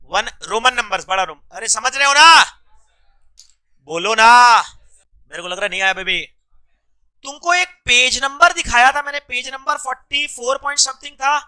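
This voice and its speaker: A male teacher with a very high, sharply bright voice runs a classroom lecture. He fires quick repeated questions at his students and slips English terms into his Hindi. His tone is clear and resonant. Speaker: commerce law teacher.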